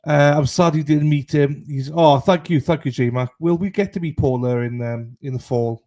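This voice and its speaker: A man's voice: a little high, moderate pace, dark tone. A man hosting a livestream in casual chat, greeting viewers in a matey, irreverent, sweary way. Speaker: livestream host.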